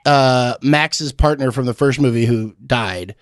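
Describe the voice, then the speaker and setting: A man's voice: medium pitch, measured pace, smooth, no echo, studio quality. A man casually chatting about a movie on a podcast, rambling with lots of fillers and frequent laughs. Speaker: podcast host.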